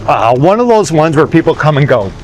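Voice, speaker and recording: A man hosting a casual podcast while walking outdoors, chatty and upbeat, quick to chime in with affirmations. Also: on the high side, sing-song, muffled recording, slight background noise. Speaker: podcast host. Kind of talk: casual outdoor walk-and-talk chat. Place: outdoors on a country road.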